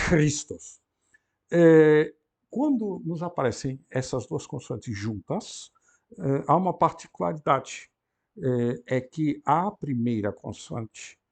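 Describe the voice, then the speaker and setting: A man teaching an introductory Greek class, explaining pronunciation slowly and deliberately and often adding tag questions. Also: mid-range voice, creaky, a little mellow, husky. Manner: slow and deliberate, frequent "não é?" tag questions. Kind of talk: university lecture.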